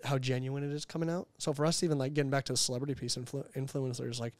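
Candid and animated, a male entrepreneur in his thirties chats in a casual interview and readily dramatizes quotes. The pitch is medium, with no echo in the audio.

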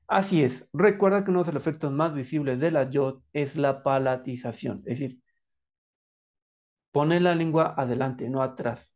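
A man's voice: mid-range voice, moderate pace, a little mellow, lo-fi sound. A man with a Mexican accent teaching a lesson in quiz style, answering his own questions and praising the viewer. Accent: Mexican Spanish.

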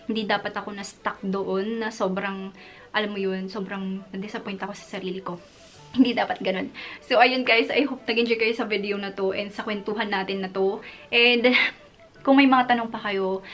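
A woman's voice: mid-range voice, a bit bright. A young Filipino woman with a Filipino accent, a beauty vlogger chatting casually and animatedly through a personal story, with plenty of fillers. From Philippines.

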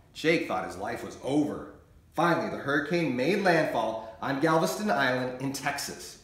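Animated man reading a children's story. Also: a little high, echoey room. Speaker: meteorologist and author reading his book. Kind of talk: children's story read-aloud.

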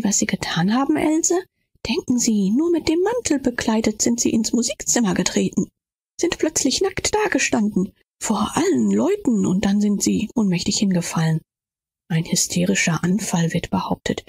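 A flippant young woman needles and teases in this audiobook, read by a woman. Her voice is very breathy and husky with a gravelly edge. The sound is dry and close. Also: mid-range voice, a little mellow, no room sound, exaggerated voice. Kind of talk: audiobook reading.

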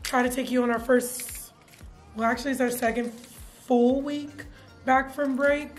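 A young woman, a teacher chatting casually to camera in her classroom, animated and full of fillers. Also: high-pitched, measured pace, faint music behind. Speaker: middle school science teacher. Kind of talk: casual vlog chat. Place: classroom, indoors.

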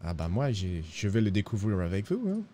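A man's voice: big pitch swings, fairly quick, mellow, a little hiss or hum. A man playing a broke, bumbling cowboy with a put-on accent in a western roleplay, talking theatrically and tacking 'hein' onto his lines. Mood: pleading. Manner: theatrical, sliding pitch, tacks 'hein' on lines. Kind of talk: in-character roleplay.

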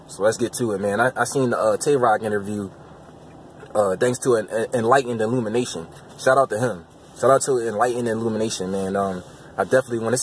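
A young man giving casual commentary to his viewers, with loose, repetitive slang, getting louder and higher as he argues. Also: a little hiss or hum. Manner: loose, repetitive slang, rising heat when arguing. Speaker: vlogger.

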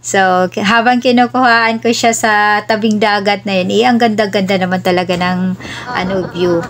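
A Cebuano-speaking vlogger from the Visayas, Philippines, narrates a casual travel vlog from the back of a motorbike outdoors. Her mid-range voice keeps a fairly even intonation at a moderate pace, and her Visayan accent is clear. She rambles chattily and weaves in road-safety advice.

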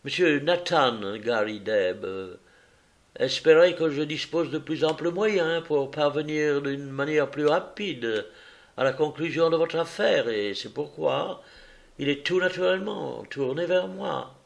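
A composed, sharp-eyed detective, as a male narrator voices him, measured and patient. Slow, deliberate storybook delivery with polite precision. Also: fairly high pitch, creaky, voice pushed up.

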